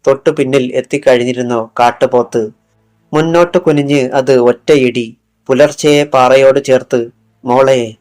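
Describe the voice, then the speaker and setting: A man's voice: medium pitch, a little mellow. Man narrating an audiobook over faint music. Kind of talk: scripted narration.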